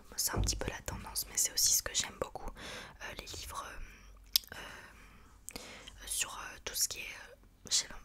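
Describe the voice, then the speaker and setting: A woman talks entirely in a hushed, unvoiced library whisper. Her delivery is an informal ASMR book chat, breathy and soft, with a hesitant, searching way of putting things. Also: moderate pace, pauses often.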